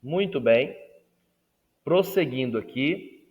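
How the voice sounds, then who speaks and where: A man's voice: mid-range voice, expressive, narrow, tinny audio. Male teacher with long hall echo. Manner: slow, drawn-out syllables when modelling words; asks the class rhetorical check-in questions. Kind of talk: recorded classroom lesson.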